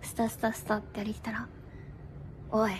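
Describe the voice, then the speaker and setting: A woman's voice: on the high side, completely flat delivery, fast, a little hiss or hum. A young woman streamer chatting casually with her viewers, playful and giggly, tossing in bits of English. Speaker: live streamer.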